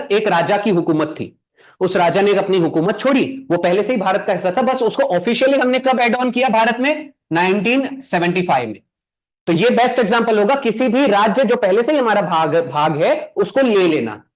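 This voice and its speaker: A young man teaching an exam coaching lesson, asking the class questions and answering them himself, slowing down to spell out English terms. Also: sits high. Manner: quizzing students with rhetorical questions, answering himself.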